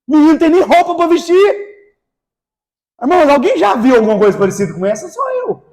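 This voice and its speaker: A pastor delivers an evangelical sermon in a church. He swings between quiet, confiding asides and sudden shouted exclamations. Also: very high voice, sing-song, brisk.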